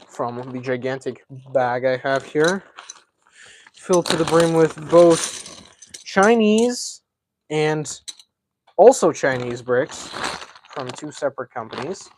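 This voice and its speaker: A man's voice: medium pitch, noisy background. A man hosting a casual live stream, chatting and thinking aloud as he builds, a self-described yapper. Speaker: livestream host.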